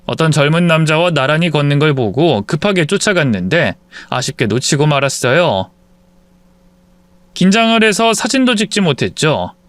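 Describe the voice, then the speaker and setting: A man reads a dramatic story with a lively, animated voice that rises and falls. The sound is dry and close, with no room around it. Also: fairly high pitch, moderate pace, no echo. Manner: lively reading with acted dialogue. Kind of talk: scripted story narration.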